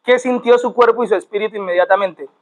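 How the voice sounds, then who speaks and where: A man's voice: high voice, fast talker, rough recording. A male pastor, preaching to a church and explaining words step by step with repeated phrases and questions to the congregation. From Colombia. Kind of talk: sermon teaching. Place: church sanctuary.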